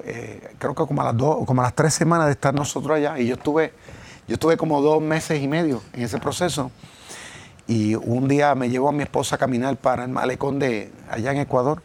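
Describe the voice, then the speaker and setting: A middle-aged man preaching a sermon, telling his own story earnestly, with emphatic peaks and hushed asides. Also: medium pitch. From Puerto Rico. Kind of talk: sermon with personal testimony.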